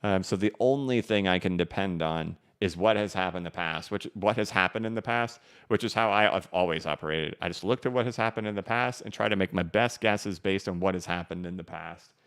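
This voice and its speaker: Speaking low and brisk with hardly a pause, the man hosting this crypto live stream sounds smooth and a little bright. He reads viewer super chats into a studio mic and responds in a casual, meandering way, restarting again and again.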